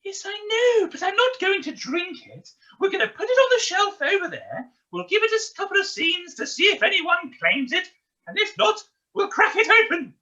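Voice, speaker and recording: A very high, swooping voice on a slightly dull recording, a fussy pantomime dame who dotes and exclaims theatrically. The comic delivery is bright and sharp. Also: female voice, very animated, moderate pace, full character voice. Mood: scolding, dramatic. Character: fussy, doting pantomime dame, poor widowed mother.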